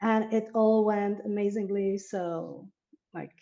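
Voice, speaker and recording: A woman speaks English in a mellow, relaxed voice as an earnest interview guest who laughs often. The audio is somewhat dull and muffled, as if from a modest microphone. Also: medium pitch, takes it slowly. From Slovakia. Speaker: herb farmer and interview guest. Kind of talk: casual interview over video.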